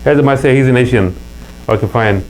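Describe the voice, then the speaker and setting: Speaking briskly in a slightly mellow, mid-range voice, this middle-aged Pakistani man has a Pakistani accent. He is an interview guest chatting casually, earnest and full of anecdotes, with frequent restarts. Faint mains hum is audible on the low-quality recording.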